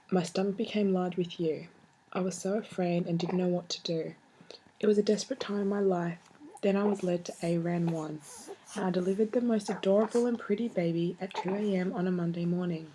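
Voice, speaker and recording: Low-voiced woman tenderly reading a love letter. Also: dark tone, a little hiss or hum, rough recording. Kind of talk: reading a heartfelt letter aloud.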